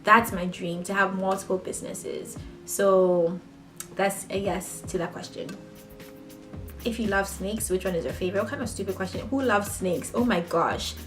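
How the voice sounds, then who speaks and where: A young woman raised in Ghana talks casually to a camera on her table, answering tag questions. She speaks straight to her viewers with laughing asides and a relaxed, friendly ease. Faint music plays behind her. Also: mid-range voice, normal speed. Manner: chatty, laughing asides, addresses viewers as guys. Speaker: vlogger.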